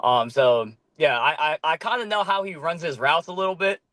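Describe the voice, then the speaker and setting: A man's voice: a little high, normal speed, no room sound. Laid-back young man, dry mic. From Korea. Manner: relaxed, loose, with many ums and casual swearing. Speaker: podcast guest, flag football player. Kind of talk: casual chat.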